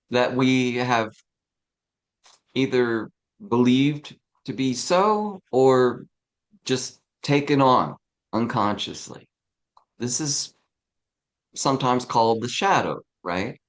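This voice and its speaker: A man leads a spiritual study group in an easygoing, conversational way. He talks slowly and unhurriedly at a middle pitch, often chuckling and tossing in quick checks with the group. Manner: relaxed, chuckling, frequent "right?". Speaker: teacher of a tarot study group. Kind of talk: casual spiritual class talk.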